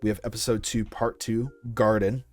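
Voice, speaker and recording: With a low-leaning, level voice at moderate pace and a darkish tone, a young series creator chats casually and informally while answering interview questions about his project. Soft music plays in the background.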